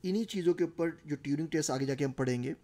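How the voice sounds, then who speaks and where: A man's voice: a little high, fast, mellow. A middle-aged man with a Pakistani Urdu accent giving a recorded course lecture, explaining ideas through everyday examples.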